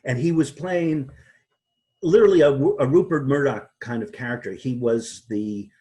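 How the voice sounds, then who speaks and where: A man being interviewed as a guest, talking in a halting way with many restarts and repeated words. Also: medium pitch, dark tone, husky. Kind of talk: conversational interview.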